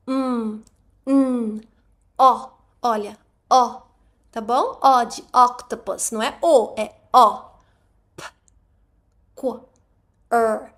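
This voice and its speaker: A woman with a Brazilian Portuguese accent teaching an online lesson, sounding out letters slowly and repeating them for the listener. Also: sits high. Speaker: English teacher trainer.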